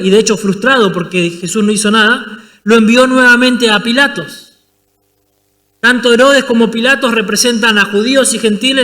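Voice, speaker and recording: A man with a high, bright and forceful voice preaching a sermon in an Argentine accent. He retells the scripture story with dramatic flair, and his voice rings with the long reverb of a church hall. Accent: Argentine Spanish. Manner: dramatic storytelling, acting out scenes. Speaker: pastor.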